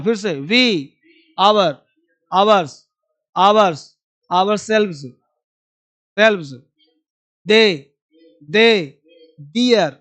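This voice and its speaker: A man teaching a class, repeating English sounds and pronouns with an Indian accent for students to copy and giving brisk instructions. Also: high voice, fairly bright tone. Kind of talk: classroom pronunciation drill.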